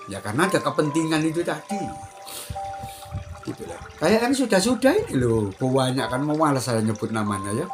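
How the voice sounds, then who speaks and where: East Javanese spiritual teacher over music. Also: male voice, medium pitch. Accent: East Javanese Indonesian. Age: middle-aged. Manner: repetitive, admonishing, addresses listener directly. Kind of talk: spiritual advice talk.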